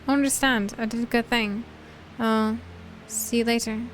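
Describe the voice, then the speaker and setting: A woman voicing a detached young man in a story game, speaking in a flat, puzzled, matter-of-fact way. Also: a little high, moderate pace, faint music behind, close to an everyday voice. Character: detached young man who killed his captors.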